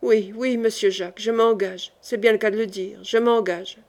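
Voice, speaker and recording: A woman's voice: mid-range voice, steady tone, moderate pace, a little mellow, natural voice. A woman reading the part of a stout, kindly older man who speaks earnestly and emotionally.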